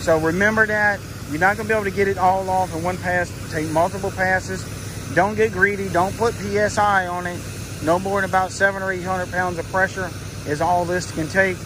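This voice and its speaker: A man with a fairly high voice explains a job in a relaxed, folksy way, with plenty of ums and uhs. He is outdoors in a parking lot, and a loud pressure washer runs behind him. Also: fairly quick, noisy background. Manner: casual, folksy, with frequent fillers. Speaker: pressure washing business owner and trainer. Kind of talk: instructional talk to camera.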